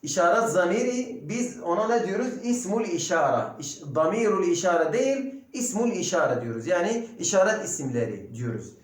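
Turkish-accented male language teacher, high voice, slow drill-style repetition, heavy room echo. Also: expressive. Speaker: Arabic teacher. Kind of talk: recorded classroom lesson. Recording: very echoey room.

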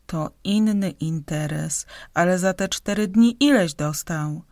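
Lady doing a bossy nagging wife in an audiobook, higher and louder, gravelly edge, dry close sound. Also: takes it slowly, dry recording. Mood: interrogating. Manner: scolding, interrogating, raised and insistent. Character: grasping sharp-tongued middle-aged wife, domineering. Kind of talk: audiobook character reading.

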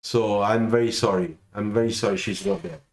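On a livestream from his home studio, a middle-aged man gives viewers career advice in a fairly quick, lowish voice. He is animated, gestures a lot, and keeps checking in with "okay?" The room sounds roomy and echoey.

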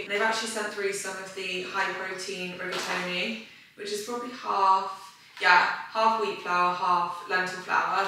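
A woman's voice: medium pitch, sharp tone, far from the mic, slight background noise. A young woman, chatting casually to camera at home, rambling and self-deprecating. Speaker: vlogger. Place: home, dressing room and kitchen.

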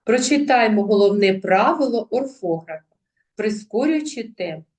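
A woman's voice: mid-range voice, lively intonation, moderate pace, darkish tone. A woman teacher giving a video lesson to young pupils. She speaks carefully and sounds out words syllable by syllable. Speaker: primary school teacher.

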